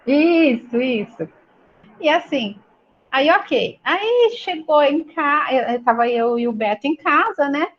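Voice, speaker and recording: Woman, middle-aged, lively storyteller, slightly high voice, muffled lo-fi sound. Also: takes it slowly, slight background noise. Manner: chatty, animated, acts out dialogue. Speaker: Bible class participant. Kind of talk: casual storytelling.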